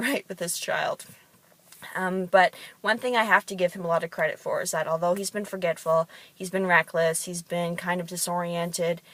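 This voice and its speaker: A woman's voice: lowish voice, fairly bright tone, no room sound. A woman who works in fitness and competes in bodybuilding, telling chatty stories with frequent ums. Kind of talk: casual storytelling monologue.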